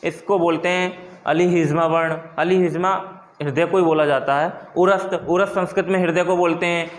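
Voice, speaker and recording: A man's voice: on the high side, steady tone, normal speed. A man teaching a Hindi lesson, asking the class questions and answering them himself, repeating key terms. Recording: echoey room.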